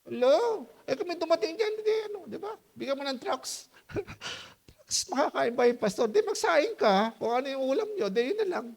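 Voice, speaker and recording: A man's voice: moderate pace, vocal fry. A man preaching a sermon as pastor in a loose, conversational way, often asking the congregation questions and laughing as he tells stories. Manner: lively, with high-pitched voiced quotes and laughter.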